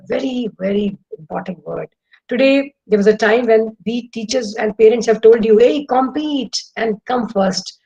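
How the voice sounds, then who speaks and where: A woman's voice: mid-range voice, dull audio. A middle-aged woman with an Indian English accent, giving an enthusiastic webinar talk to students over a video call. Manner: lively, enthusiastic lecturing with demonstrations. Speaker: guest speaker.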